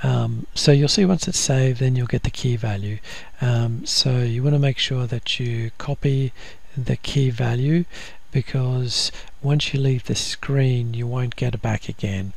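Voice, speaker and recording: A man giving a screen-recorded software tutorial, explaining each step methodically with frequent ums and uhs. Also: medium pitch, measured pace, gravelly. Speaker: software instructor.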